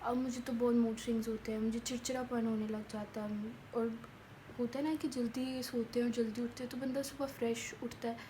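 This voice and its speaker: A young woman with a hoarse, sore throat, chatting self-mockingly into a phone held at arm's length at home. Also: on the high side, level tone, fairly quick, dark tone, a little hiss or hum. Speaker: vlogger. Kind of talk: casual vlog chat. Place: home, partly on a rooftop.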